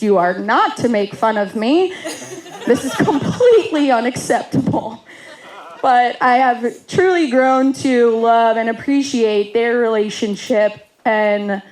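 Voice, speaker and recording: A woman's voice: on the high side, darkish tone, poor audio. A woman in her thirties, the bride's oldest sister, giving a wedding toast with self-deprecating humor, laughing through her lines and getting emotional.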